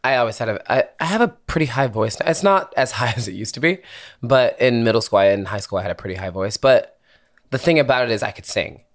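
Here a young Philly singer-songwriter, guesting on an interview, talks in an animated, medium-pitched voice at a slightly quick clip. He's open and relaxed, laughs readily, and lets the occasional swear word slip.

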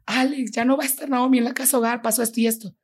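A Mexican woman, a foundation founder, telling a story in an interview and acting out the dialogue with lively voices. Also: fairly high pitch, racing, husky. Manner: animated, acts out quoted dialogue.

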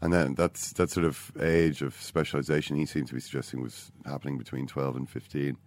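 An Irish-accented man explaining things in a measured, tentative way in a casual sports discussion. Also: a bass voice, little pitch movement, a little mellow. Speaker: sports podcast co-host.

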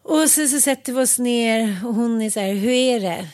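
A chatty woman from Sweden recounts a story, bouncing into quoted voices and laughing along the way. Her voice sits fairly high, and it is recorded dry and close, with no room sound. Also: dry recording. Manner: animated, acts out quoted dialogue with laughs. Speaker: podcast co-host. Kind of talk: casual storytelling chat.

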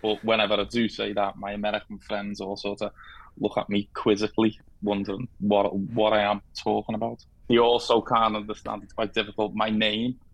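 A man with a Liverpool accent, a newspaper correspondent telling relaxed anecdotes as a remote interview guest. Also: on the low side, brisk, vocal fry, no echo, poor audio. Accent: Liverpool (Scouse). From Liverpool, England.

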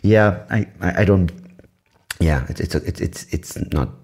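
A man's voice: low voice, unhurried, background noise. A man rambling through a casual solo podcast, swearing often and poking fun at himself. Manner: rambling, profane, self-mocking, many restarts. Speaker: podcast host.

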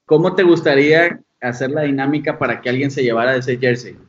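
A man's voice: mid-range voice, steady tone, brisk, slight background noise. A man with a Mexican accent asking questions in a casual, chatty interview. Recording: dull lo-fi audio.

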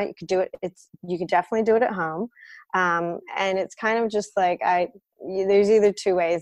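With a low-ish, somewhat dark voice recorded free of room sound, an American-raised woman explains her colon hydrotherapy work as an interview guest. She is frank and practical, and fillers crop up throughout her explanations.

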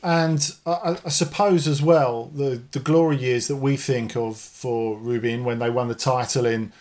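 Man, interviewer, mid-range pitch, conversational questioning. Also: fairly even intonation, normal speed, darkish tone.

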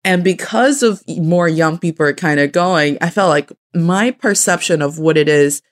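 A woman's voice: fairly low pitch, normal speed. A woman in her twenties co-hosting a podcast, telling stories in a casual, amused, giggly way. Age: 20s. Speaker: podcast co-host.

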